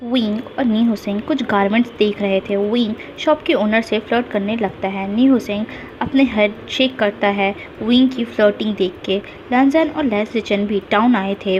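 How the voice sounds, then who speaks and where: A woman narrating a retold fan fiction story at a steady storytelling pace. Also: medium pitch. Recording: dull lo-fi with faint hiss.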